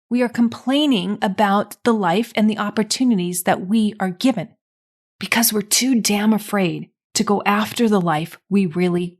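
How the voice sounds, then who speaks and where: A middle-aged woman hosting a motivational podcast, talking emphatically and acting out what people say. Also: mid-range voice. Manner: emphatic, animated, acts out quotes. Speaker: podcast host and drinking coach.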